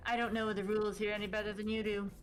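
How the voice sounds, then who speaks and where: A woman voicing a brooding goth female ghost killer in a dating game, in a wispy, breathy, sardonic voice. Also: medium pitch, little pitch movement, rapid-fire, faint music behind, natural voice, low-quality recording.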